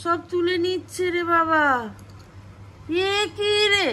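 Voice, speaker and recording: A woman's voice: extremely high pitch, fairly even intonation, slow, sharp tone, a little hiss or hum. A woman chatting casually while playing a board game at home, coaxing and exasperated. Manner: coaxing and exasperated, with frequent sighs. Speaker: family vlogger.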